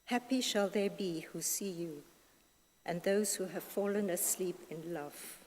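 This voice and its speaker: A woman slowly reading scripture and leading responses at Mass, in a long cathedral echo. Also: fairly low pitch, a little mellow. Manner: slow, measured reading. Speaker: reader at Mass. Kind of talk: liturgical reading and psalm responses. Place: large church. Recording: echoey church from far off.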